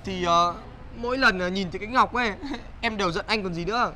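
An actor playing a rowdy young man with a Northern Vietnamese accent, who pleads and scolds in a fast, overdone way. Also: sits high, sharp tone, a little hiss or hum. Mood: pleading. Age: young adult. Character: rowdy young guy, melodramatic and blunt. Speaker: actor in comedy sketch.

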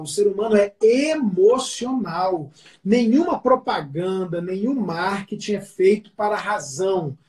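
A man with a Brazilian Portuguese accent, a pastor giving family advice in a relaxed talk, telling stories and acting out the dialogue in them. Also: sits high. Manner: storytelling, acts out quoted dialogue. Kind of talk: family counseling talk with anecdotes.

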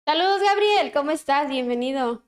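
High-voiced Mexican woman streamer. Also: expressive, moderate pace. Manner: chatty, warmly greets viewers by name. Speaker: gaming livestreamer. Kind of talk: casual livestream chat while playing.

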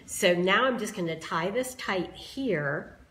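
A slightly hoarse woman demonstrating bow making in a live craft tutorial, chatting with viewers as she explains each step. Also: mid-range voice, animated, slow, a bit bright, slight background noise. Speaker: craft tool creator demonstrating bows.

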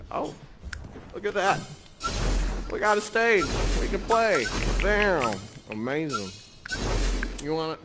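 A man chatting casually in character during a roleplay game, jokey and rambling in an upbeat way. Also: medium pitch. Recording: music playing behind.

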